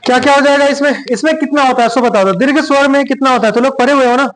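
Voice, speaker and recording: A male teacher giving a grammar lesson, dictating slowly and repeating phrases word by word. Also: very high voice, a bit bright, a little hiss or hum.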